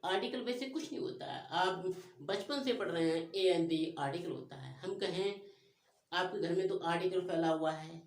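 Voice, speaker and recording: A woman with a Hindi accent teaching a grammar lesson, drawing out her English example sentences slowly. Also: on the low side, roomy sound.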